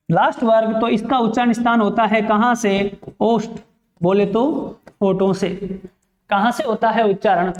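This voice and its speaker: Male teacher, very high voice, roomy classroom sound, drills students with repeated questions. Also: darkish tone. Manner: repeats questions to students and answers them himself; recites letters slowly one by one. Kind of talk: classroom grammar lesson.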